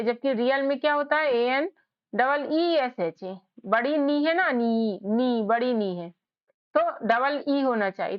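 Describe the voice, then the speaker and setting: A woman teaching English spelling in a casual lesson, explaining slowly letter by letter. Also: fairly high pitch, clean tone. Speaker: English tutor. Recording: slightly dull lo-fi sound.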